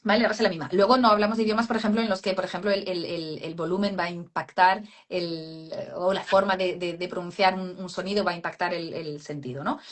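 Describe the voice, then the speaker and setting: A woman's voice: on the low side, fairly even intonation, fast, hardly any pauses. A woman speech therapist explaining voice work in a casual live chat, calling people "cariño". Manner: explanatory, addresses listener as cariño.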